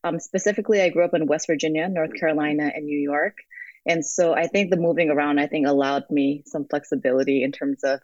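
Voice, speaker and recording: A woman's voice: low voice, steady tone, fast, darkish tone, no room sound. A young woman with an American accent, speaking reflectively in a remote interview, with many ums and restarts. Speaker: guest. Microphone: phone app call. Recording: dry, dull call audio.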